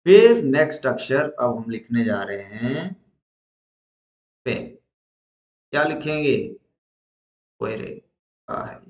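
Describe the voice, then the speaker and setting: A man's voice: medium pitch, sing-song, slow, long pauses, roomy sound. A male teacher, leading a lesson at the board, asking questions and answering them himself.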